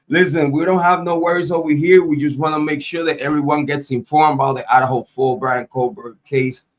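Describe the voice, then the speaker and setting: On a laid-back livestream, a true crime YouTuber from Ohio rambles, repeats things and laughs frequently, his voice still returning after being sick. He speaks at a moderate pace in a steady, highish voice, and the audio sounds dull.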